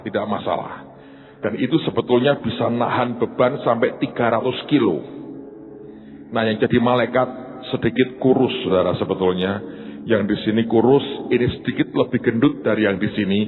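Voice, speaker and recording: A man preaching a sermon in a large church, telling a story with lively acted-out voices. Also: mid-range voice. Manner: animated storytelling, acting out voices. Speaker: pastor. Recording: tinny lo-fi phone-like sound, faint noise.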